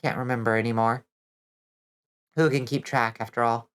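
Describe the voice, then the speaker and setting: A woman chats with her stream while gaming, her voice sitting extremely low in pitch. She sounds nasal and congested from a stuffy nose. She rambles loosely, reacts to chat and swears casually. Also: fairly even intonation, moderate pace, clear, resonant tone. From Georgia, US. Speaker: vtuber streamer.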